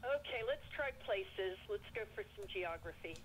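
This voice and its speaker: A woman's voice: medium pitch, lively intonation, moderate pace, low-quality recording. A woman calling in to a quiz show, chatty and enthusiastic, with a valley-girl sound. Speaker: caller, cathedral verger. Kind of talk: casual phone chat. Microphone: telephone.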